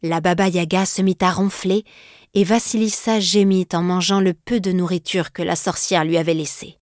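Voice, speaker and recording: Woman, storyteller, fairy tale reading, lowish voice, dry close sound. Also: fairly even intonation, normal speed, a little mellow, dry recording.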